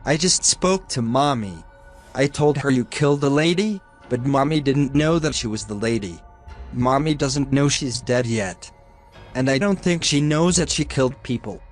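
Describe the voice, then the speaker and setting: A man voicing a small, earnest young boy who speaks slowly and gently. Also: medium pitch, soft background music, natural voice. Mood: calm.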